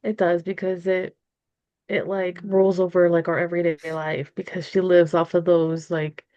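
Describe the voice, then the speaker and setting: A dry, slightly dull recording of a woman with a lowish voice. She speaks as a client in a therapy role-play, casually and a little hesitantly, with an informal, filler-heavy way of talking. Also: little pitch movement, normal speed, mellow, smooth, no echo. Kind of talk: casual, unscripted conversation.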